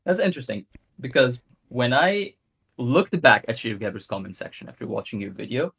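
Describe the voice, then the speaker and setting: A man's voice: medium pitch, animated, brisk, gravelly, fairly bright tone, husky. A young man from Egypt, calling in to a talk show and earnestly explaining his views, speeding up in bursts. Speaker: caller. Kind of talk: casual call-in discussion.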